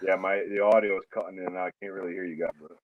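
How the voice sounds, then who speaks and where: A man's voice: low-pitched, little pitch movement, racing. A man on a video call giving short, offhand replies while his audio cuts in and out and his volume jumps up and down. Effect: audio cutting in and out, volume jumping up and down. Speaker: guest team player. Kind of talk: casual chat over a video call. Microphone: video call from home. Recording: muffled call audio from a distance.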